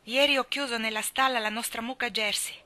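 A woman's voice: on the high side, steady tone, a little fast, sharp tone, no room sound, voice pushed up. A woman voicing an impulsive, earnest teenage girl who talks eagerly and pleads. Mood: pleading. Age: teens.

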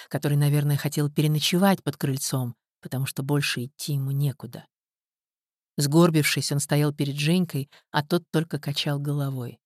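A woman narrating an audiobook in an even, measured way. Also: deep voice, dry recording, studio quality. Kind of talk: scripted narration.

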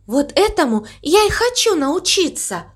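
Woman playing a storybook cow mother, high-pitched, loud, gushing, childlike, carefree. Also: sing-song, slow pace, heavily acted. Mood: delighted. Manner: gushing, squealing with delight. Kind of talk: storybook reading.

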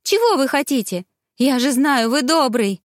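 A woman's voice: high voice, big pitch swings, normal speed, no echo, clean studio sound, pitched above the performer's own voice. A woman voicing a desperate young noblewoman who pleads urgently and breathlessly. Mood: pleading.

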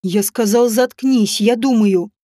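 A woman puts on a harsh, commanding emperor in a fantasy audiobook, lowered in pitch and barking short orders through clenched teeth. The sound is close and dry. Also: measured pace, dark tone, dry recording, lightly acted. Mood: furious. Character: furious middle-aged emperor, harsh and commanding.

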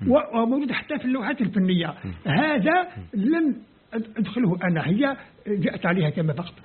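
Speaking fast in a high-pitched voice with big swings in pitch, a man from Algeria explains in Arabic, his Algerian accent noticeable and Kabyle his first language. Like a scholar, he sounds out letters and words step by step in this lecture, recorded in tinny, phone-like lo-fi.

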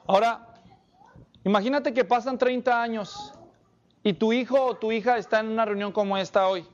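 A man preaching a sermon to parents, animated and firing many questions at the congregation. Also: high-pitched, normal speed, muffled recording.

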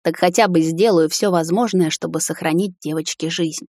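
A woman's voice: lowish voice, fairly even intonation, normal speed, dry recording, clean studio sound. A woman voicing a desperate, anguished king. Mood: broken, pleading. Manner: pleading then shouting, raw and broken. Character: anguished middle-aged king, desperate father. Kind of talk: audiobook character reading.

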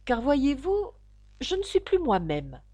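A woman's voice: sits high, huge pitch swings, slow pace, dark tone, dry recording, voice pushed up, heavily acted. Woman voicing a polite, flustered storybook girl. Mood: earnest. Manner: polite, earnest, a little flustered. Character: polite, confused young girl.

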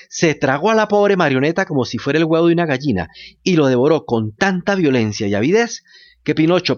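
A man narrating a children's radio story with a dramatic, expressive reading. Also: on the high side, dull audio.

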